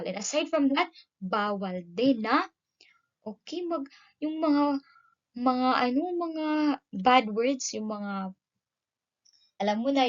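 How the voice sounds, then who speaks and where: A Filipino woman teaching a class, explaining terms with frequent "no?" tag questions and an emphatic, lively delivery. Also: on the high side, highs cut off. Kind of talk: classroom lesson.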